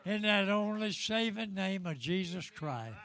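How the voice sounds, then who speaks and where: A man's voice: sits high, lively intonation, a little slow, a bit bright. An elderly man preaching a fervent Pentecostal-style sermon in an emphatic, repetitive, folksy way. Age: 70s or older.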